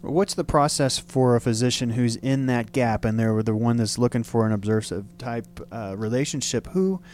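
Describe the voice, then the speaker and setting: In this interview, a male radio host talks on and on, leaning on fillers and echoing his guest's points back. He speaks at a normal speed in a mid-range voice that's a little mellow.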